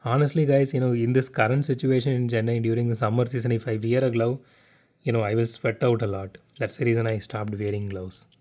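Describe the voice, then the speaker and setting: A man hosting a casual model car unboxing vlog from his living room, talking haltingly with stutters and restarts. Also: medium pitch, level tone, darkish tone. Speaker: diecast model car unboxing channel host. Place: home living room without air conditioning.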